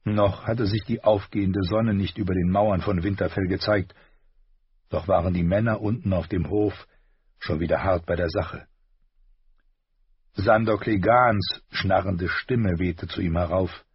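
A man reading a fantasy novel aloud as a narrator, unhurried and expressive. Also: low-pitched, breathy edge, dry recording, muffled recording. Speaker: audiobook narrator. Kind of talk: scripted storybook narration.

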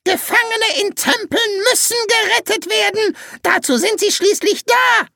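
A reader voicing a squawking, cranky male parrot in an audiobook, creaky and scolding. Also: very high-pitched, a little slow, bright, forceful tone, no room sound, studio quality, voice pushed up, heavily acted. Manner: scolding, impatient. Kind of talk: audiobook character voice.

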